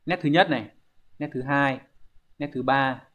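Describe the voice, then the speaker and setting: A man's voice: medium pitch, measured pace, fairly bright tone, dull audio. A man teaching a recorded online lesson, counting out strokes one by one and asking his students questions he then answers himself. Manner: methodical, counts out strokes, asks rhetorical questions. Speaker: language teacher.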